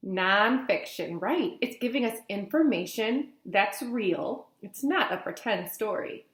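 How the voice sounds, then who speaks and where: Reading aloud to young children, a woman in her thirties speaks at medium pitch in an animated, unhurried and slightly bright way. Her read-along lesson is built on simple explanations, regular questions to the listeners and emphasized letter names and key words. She's in a small indoor room with plain walls, captured by echoey, roomy webcam sound.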